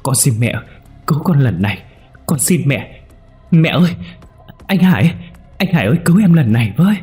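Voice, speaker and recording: A man's voice: fairly high pitch, big pitch swings, moderate pace, a little mellow, soft background music, pitched above the performer's own voice. A man voicing a terrified young man who stammers and begs tearfully for help. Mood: pleading. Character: frightened young man, pleading gambler son.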